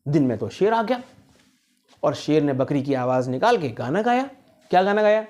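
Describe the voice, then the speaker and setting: A man telling a fable to children in an animated way, often asking the listeners questions. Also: on the high side, moderate pace. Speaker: motivational speaker. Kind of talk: storytelling for children.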